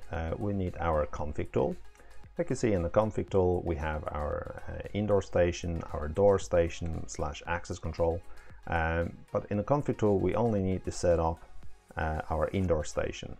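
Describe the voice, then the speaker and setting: This man in his thirties has a low, gravelly, slightly mellow voice. Working as a product demonstrator, he gives a casual, informal, hands-on tutorial, explaining the setup steps one at a time.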